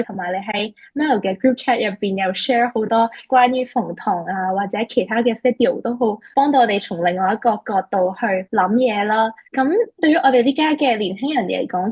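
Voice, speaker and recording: A woman interviewer asks her guest polite, appreciative questions. Her voice sits a little high and has a soft, breathy edge. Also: highs cut off.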